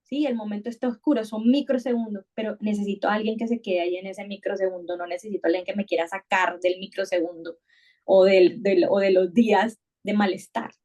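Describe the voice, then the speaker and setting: A woman speaks in a middle pitch on a conversational podcast. She sounds reflective and searching. She circles back on words and restarts phrases while thinking aloud. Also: fairly even intonation, a little fast, a little mellow. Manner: thoughtful, many restarts and repetitions.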